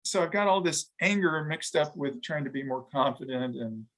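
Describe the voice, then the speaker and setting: A middle-aged man, a guest in an interview, talking reflectively with frequent pauses, fillers and restarts. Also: on the high side, expressive, a bit bright, low-quality recording. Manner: halting, thoughtful, many restarts and fillers. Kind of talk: reflective conversation.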